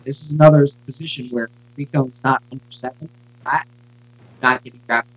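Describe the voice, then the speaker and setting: A man's voice: mid-range voice, fairly even intonation, normal speed, breathy edge. A man hosting a sports show, talking stats casually over a remote connection whose audio keeps cutting out. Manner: rattles off draft statistics, casual fillers. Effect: audio cutting out and dropping in level. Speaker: sports radio host. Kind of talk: casual sports analysis chat. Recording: dull lo-fi call audio.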